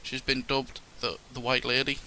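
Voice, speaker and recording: A young man from Sunderland, England, with a Mackem accent co-hosts a podcast, rambling casually through ghost stories with lots of swearing and laughter. His medium-pitched voice is delivered flatly at normal speed over heavy background noise.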